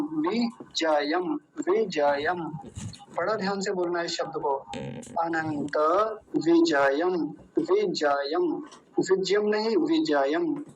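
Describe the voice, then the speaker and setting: A man teaching the careful pronunciation of a recited verse, patiently repeating each word slowly. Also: high-pitched, highs cut off. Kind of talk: recitation lesson.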